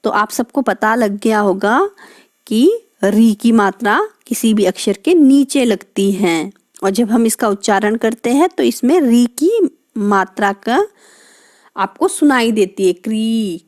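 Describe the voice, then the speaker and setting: Teacher woman, slightly high voice, drawn-out words for kids, slow and patient. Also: expressive, darkish tone. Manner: asks the children questions and explains each word. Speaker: primary school Hindi teacher. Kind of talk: recorded lesson for young children.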